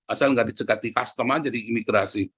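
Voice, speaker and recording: A male pastor gives a lively sermon, mixing jokes and asides with earnest urging. His voice is a little husky and sits in an ordinary middle pitch. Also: fast. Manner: lively, joking preaching, keeps addressing the congregation.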